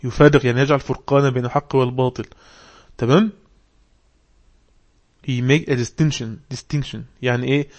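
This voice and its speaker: A male teacher with an Egyptian Arabic accent and a mid-pitched voice. He reads English text slowly, word by word, and then switches to fast, conversational explanation. He keeps putting questions to his students. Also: steady tone, a little mellow. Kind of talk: online English lesson on religious text.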